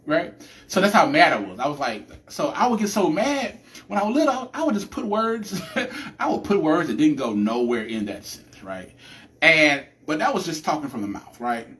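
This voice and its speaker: Male podcast host, lively swinging delivery, pitched a bit high, preachy casual monologue. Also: moderate pace. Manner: animated, chatty, preacher-like cadence with many restarts.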